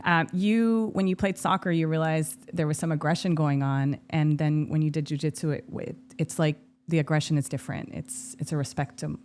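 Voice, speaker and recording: A woman's voice: low-pitched, fairly even intonation, a little fast, few pauses, darkish tone, slight background noise. A woman hosting a podcast, asking questions in a friendly, affirming way. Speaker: podcast host. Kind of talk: casual interview.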